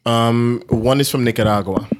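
A man's voice: medium pitch, normal speed. A young man talking casually as a podcast guest, laid-back, with lots of fillers and easy laughs. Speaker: guest, coffee brand founder.

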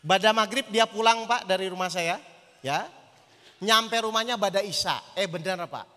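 A male Islamic preacher giving an animated sermon, telling a story and often questioning his audience. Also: high-pitched, normal speed. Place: hall with an audience. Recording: long hall reverb.

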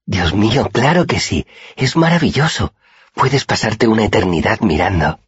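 A man voicing a shy, dreamy young woman who speaks with wistful, childlike wonder in a softened, husky voice. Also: deep voice, animated, moderate pace, no echo, voice pushed up, full character voice. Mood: delighted. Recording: dry, slightly dull recording.

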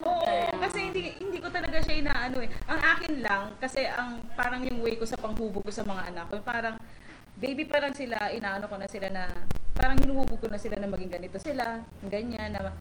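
A woman's voice: a little high, fast talker. A woman, a mother and guest, talking casually in a rambling, thoughtful way. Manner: rambling, thoughtful, laughs often. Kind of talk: casual live stream chat. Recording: noisy.

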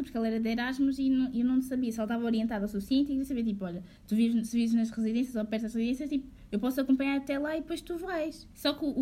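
High, fast-talking young Portuguese woman. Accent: European Portuguese. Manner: animated storytelling, slangy, mixes in English. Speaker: podcast host. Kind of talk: casual chat.

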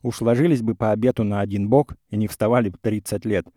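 A man voicing a hot-headed young gentleman suitor in a classic story reading, talking in a heated, insistent way. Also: fairly low pitch, fairly even intonation, quick pace, no room sound, clean studio sound, close to an everyday voice. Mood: indignant. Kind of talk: audiobook character reading.

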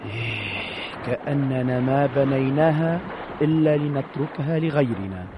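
A man acting a pensive ancient army officer in an old radio show. His voice is mid-pitched, solemn and formal, over faint hiss. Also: moderate pace, natural voice. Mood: brooding. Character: brooding, deferential male officer, thoughtful companion to commander.

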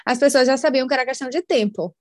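A woman's voice: high-pitched, fast, darkish tone, no echo, studio quality. A woman, a guest chatting in a podcast interview and using many fillers. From Brazil. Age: 20s. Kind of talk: casual interview chat.

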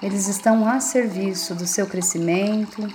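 A woman with a Brazilian accent guides a meditation in a soothing, unhurried manner, leaving lingering pauses between short phrases. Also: medium pitch, steady tone, over loud music.

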